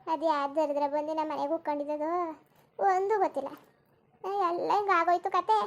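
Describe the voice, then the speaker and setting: Girija, shrill bitter old mother-in-law. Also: steady tone, a little fast, muffled recording. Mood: moaning, self-pitying. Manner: wailing, moaning and cursing under her breath. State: in pain with a hurt back. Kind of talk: cartoon voice acting.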